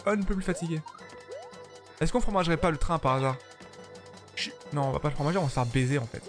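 A man's voice: a little high, fast talker, faint music behind. A tired man chatting casually with his viewers while streaming a game, joking and swearing freely. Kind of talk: casual live-stream commentary while playing.

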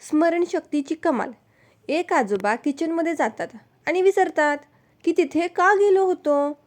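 A woman reading out a string of jokes slowly and cheerfully, dropping her voice low when she speaks for the grandparents. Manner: slow, cheerful storytelling, lowering her voice for the grandparents. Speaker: joke narrator. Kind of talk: read-aloud jokes with character voices.

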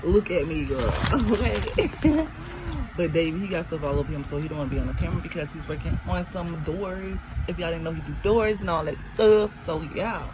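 Her lowish voice is expressive and fairly quick: a young woman from Florida chatting in a casual phone vlog about her day and food. She talks to viewers directly, calling them "y'all," with the phone camera held at arm's length. The audio is noisy.

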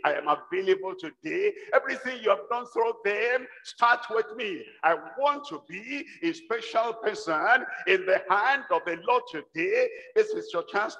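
An older man preaching a sermon to a large congregation, with a rhythmic, repetitive style that builds to shouts. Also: fairly high pitch. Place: large church hall with congregation. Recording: dull livestream sound in a reverberant hall.

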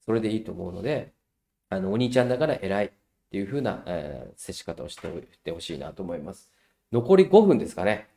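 A middle-aged man giving a lively parenting lecture, telling anecdotes and acting out children's voices. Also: deep voice, fairly quick, vocal fry. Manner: animated storyteller who acts out children's voices.

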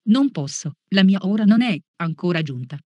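A catechist reading out the lines of an insolent male demon who is possessing a boy, in a mid-pitched, dry-sounding voice. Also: lively intonation, normal speed, warm tone, no room sound, muffled recording, close to an everyday voice. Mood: defiant. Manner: insolent and mocking.

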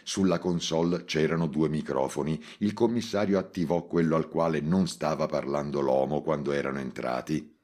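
A man reading a short story aloud in a measured, dramatic way. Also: extremely low pitch, steady tone, darkish tone. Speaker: audiobook reader. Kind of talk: scripted narration.

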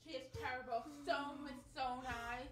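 A young woman acting a chorus woman on stage, speaking in a hushed, solemn way. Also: sits high, monotone, fast, lightly acted. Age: young adult.

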